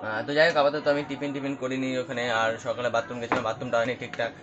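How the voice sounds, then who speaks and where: A man rattles through his day in a quick, chatty stream, mocking himself along the way. His voice sits in a middle register. It is captured on a phone with dull, lo-fi sound. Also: mid-range voice, fairly even intonation, noisy background. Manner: rambling, chatty, self-deprecating. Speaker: vlogger. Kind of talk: casual daily vlog chat.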